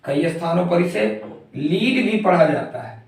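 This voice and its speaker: A man's voice: high voice, lively intonation, measured pace. A man teaching English pronunciation in a methodical way, spelling out letters one by one before saying each word. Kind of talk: explanatory lesson. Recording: very echoey room, far from the mic.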